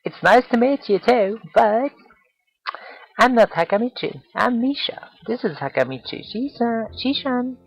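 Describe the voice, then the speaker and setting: A man's voice: extremely high pitch, expressive, a little slow, gravelly, voice pushed up, heavily acted, low-quality recording. A man voicing a bubbly, chatty teenage schoolgirl who giggles and talks in a sing-song way.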